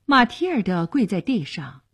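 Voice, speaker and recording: A woman narrating a story for radio in a measured, expressive way. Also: mid-range voice, breathy edge.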